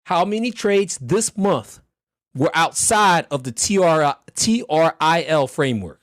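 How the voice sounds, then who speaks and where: In a livestreamed trading mentorship, a man coaches his listeners with loud, blunt, slangy motivation. Recovering from an illness, he sounds hoarse, and his pitch runs a bit high. He speaks expressively and without hurry, and the recording is dry and close.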